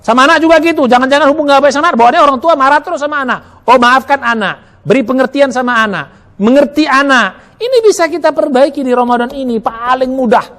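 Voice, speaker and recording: Male preacher, high voice, animated sermon delivery with acted-out inner asides. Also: fast talker. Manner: lively, acts out inner dialogue with many "oh" asides. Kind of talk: Ramadan sermon. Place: mosque.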